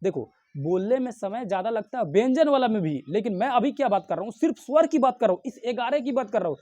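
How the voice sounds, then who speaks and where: A young man teaches an online grammar class in a very high-pitched, expressive, fast voice with a dark tone. He explains step by step, repeatedly asking questions and answering them himself, and sounds out letters one by one. There is no echo.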